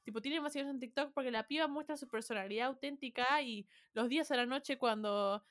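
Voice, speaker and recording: Chatty Rioplatense woman, higher voice. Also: brisk, fairly bright tone. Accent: Rioplatense Spanish. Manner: chatty, laughs often, mixes in English words. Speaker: podcast co-host. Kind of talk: casual chat.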